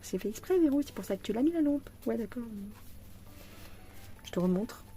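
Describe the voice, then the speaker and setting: A woman's voice: fairly high pitch, lively intonation, moderate pace, warm tone. Tired, chatty French-speaking woman vlogger. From France. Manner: chatty, talks to the viewer, laughs often. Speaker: cross-stitch vlogger. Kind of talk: casual chat unboxing a craft kit.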